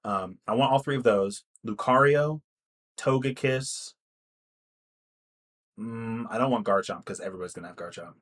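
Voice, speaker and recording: A man's voice: lowish voice, normal speed, long pauses, a bit bright. A young man co-hosting a podcast in casual chat, rambling and swearing freely. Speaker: podcast co-host.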